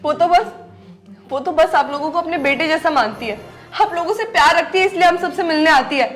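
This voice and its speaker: A woman plays a hurt young wife who reproaches her husband, her voice high and emotional. She speaks with wounded feeling. Faint music sits beneath. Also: a little fast, lightly acted. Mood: reproachful. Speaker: wife in a family skit. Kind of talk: scripted family drama skit.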